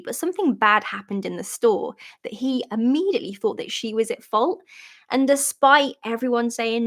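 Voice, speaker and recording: A young woman chats on a live stream, her voice sitting a little high. She tells stories loosely, restarting and correcting herself as she goes. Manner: chatty, self-correcting storyteller. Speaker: live hangout host. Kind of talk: casual live chat.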